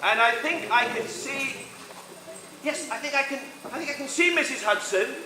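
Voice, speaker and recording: An actor playing a pompous English gentleman detective on stage with an English accent, theatrically coaxing a live audience to join in. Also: extremely high pitch, expressive, normal speed. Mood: playful. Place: large indoor sports hall. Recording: echoey hall, loud audience noise. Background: noisy crowd of children.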